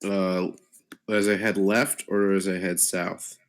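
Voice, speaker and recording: A man's voice: deep voice, level tone, takes it slowly, clear, resonant tone. A man chatting casually as a player at a tabletop game.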